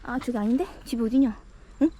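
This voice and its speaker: A woman's voice: on the high side, fast, warm tone, slight background noise. A woman talking to herself and to a dog in a casual monologue while walking it outdoors, with mock-scared squeals now and then. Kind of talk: casual self-talk monologue. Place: outdoors on a rural seaside road.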